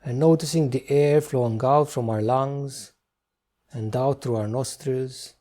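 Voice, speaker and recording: A man leading a guided meditation, giving gentle, unhurried instructions with frequent pauses. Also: medium pitch, fairly even intonation.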